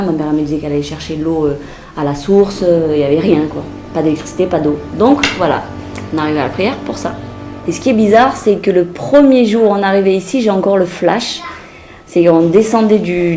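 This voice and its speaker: Woman in her thirties, low mellow voice, lively recollection, echoey room, faint music. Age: 30s. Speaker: resident. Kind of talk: documentary interview.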